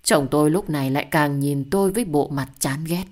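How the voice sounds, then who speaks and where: A woman narrates a dramatic first-person story with an emotional delivery. Her voice sits low. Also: a little fast, a little mellow.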